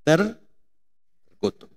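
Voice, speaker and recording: A middle-aged man from Indonesia preaching a sermon, telling stories and firing questions at the congregation. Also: slow. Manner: animated storytelling, mimics voices, asks congregation questions. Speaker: pastor.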